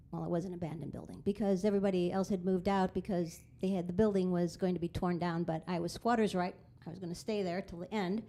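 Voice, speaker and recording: A middle-aged woman talks between pieces of her live concert, telling a story in a chatty, animated way. Her voice is mellow and warm, with a gravelly edge of fry. She speaks at an ordinary pitch for a woman. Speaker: pianist and composer.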